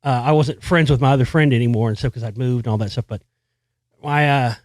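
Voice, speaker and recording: A man's voice: medium pitch, fast, no room sound. A middle-aged man telling a long story on his podcast, rambling and profane, full of fillers and restarts. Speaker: podcast host. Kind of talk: casual storytelling monologue.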